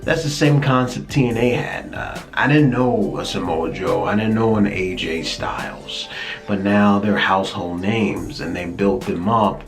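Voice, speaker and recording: A man hosting his own show, talking casually and excitedly about pro wrestling, often stumbling over and repeating words when fired up. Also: fairly low pitch, measured pace, music in the background. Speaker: host.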